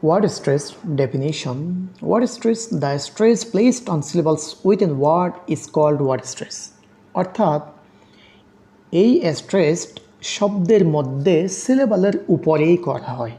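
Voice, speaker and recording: A woman giving an exam-prep lecture on English grammar, reading English definitions slowly and spelling out letters. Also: lowish voice, mellow. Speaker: English teacher.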